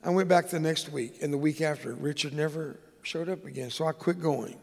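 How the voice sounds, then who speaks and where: A man's voice: a little high, brisk, vocal fry, darkish tone, big-room sound. A man preaching a sermon, telling a humorous personal story in a conversational way with dramatic swings in delivery. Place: church.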